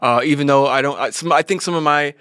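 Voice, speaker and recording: A man interviewing a guest in a relaxed, agreeable way, often saying "yeah" and "man". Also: on the high side, quick pace, clear, resonant tone, dry recording, clean studio sound. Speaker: interviewer and channel host. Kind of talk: casual interview.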